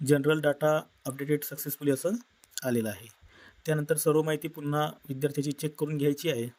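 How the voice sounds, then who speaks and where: A man narrating a step-by-step software tutorial in a plain instructional manner. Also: on the high side, steady tone, fairly quick. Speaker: tutorial presenter. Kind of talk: screen-recorded software tutorial.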